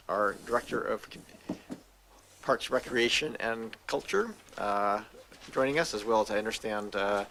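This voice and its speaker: A man, the mayor, chairing a council meeting in a relaxed, dryly humorous way, with fillers. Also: on the low side, creaky, slight background noise.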